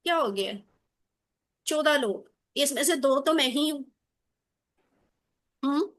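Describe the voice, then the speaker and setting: Woman, online teacher, high voice, bright tone, encouraging, asks many questions. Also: expressive. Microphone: video call.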